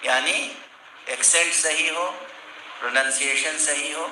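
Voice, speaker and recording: A man preaching a sermon to a gathering, explaining points emphatically and breaking into scolding outbursts. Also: on the high side. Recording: echoey hall from far off with noise.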